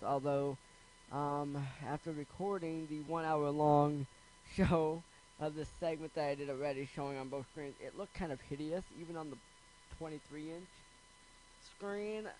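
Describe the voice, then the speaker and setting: A man's voice: fairly high pitch, darkish tone, a little hiss or hum, poor audio. A man hosting a casual, rambling computer screencast tutorial, with jokey, self-deprecating asides. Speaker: screencast host.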